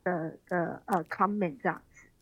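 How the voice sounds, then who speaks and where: A woman's voice: fairly low pitch, fairly even intonation, moderate pace, rough recording. A woman with a Taiwanese accent speaking as an expert guest in a radio interview, explaining things conversationally with empathy and the odd English word. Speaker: expert guest, special education professor.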